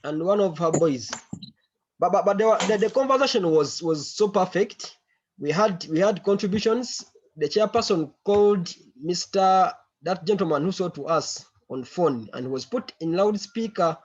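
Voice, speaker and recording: A man's voice: high voice, animated, moderate pace, slightly rough. A man briefs colleagues on a conference call, often repeating words and phrases as he recounts. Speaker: member of an organisation reporting to a meeting. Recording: muffled online conference call audio.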